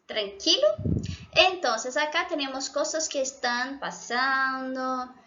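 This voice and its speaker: A woman's voice: high voice, takes it slowly, pushed and bright, muffled recording. A woman from Brazil, a native Portuguese speaker with a Brazilian accent, patiently explaining Spanish grammar and often checking in with her students. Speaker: Spanish teacher.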